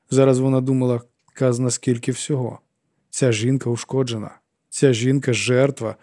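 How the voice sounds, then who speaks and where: A man narrating an audiobook in a steady, measured reading voice. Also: mid-range voice, no echo, studio quality. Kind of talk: scripted narration.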